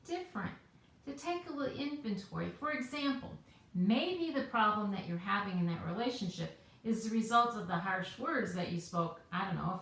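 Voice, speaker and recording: A woman hosts a weekly devotional talk, chatting casually as she tells a story. She often drops in quick "right?" asides. Her voice sits at a middling pitch and rings in a very echoey room. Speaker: host of a weekly devotional video.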